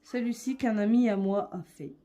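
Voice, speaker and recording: A woman's voice: on the high side, moderate pace, warm tone. A young woman vlogger chatting casually and a bit hesitantly as she shows her coloring books, with many fillers.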